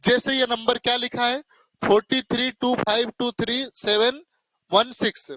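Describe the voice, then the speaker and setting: A man's voice: extremely high pitch, level tone, moderate pace, bright, forceful tone, no echo, poor audio. A male teacher giving a classroom lecture, asking questions and answering them himself, calling students "beta" and correcting himself as he goes. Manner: corrects himself mid-explanation.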